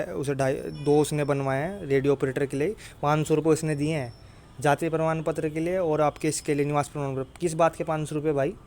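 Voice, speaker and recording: With a fairly high voice and a darkish tone, a man from India who runs an exam coaching YouTube channel talks straight to viewers. His North Indian accent is clear, and his informal explainer is insistent and blunt. He repeats himself and checks that everyone is following.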